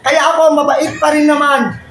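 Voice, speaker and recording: A battle rapper delivering taunting verses and shouting out the punchlines. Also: high voice, little pitch movement, moderate pace, roomy sound, over music. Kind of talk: battle rap performance.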